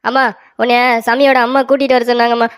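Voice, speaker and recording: A woman's voice: a little high, flat delivery, a little hiss or hum, close to an everyday voice. A woman voicing a young boy in a cartoon story who begs, pleads and insists he never lies. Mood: pleading. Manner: pleading, fast talking.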